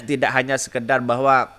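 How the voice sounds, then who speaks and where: A man hosts a solo political commentary podcast, speaking mockingly and tacking filler onto nearly every phrase. His voice is mid-range and a bit bright.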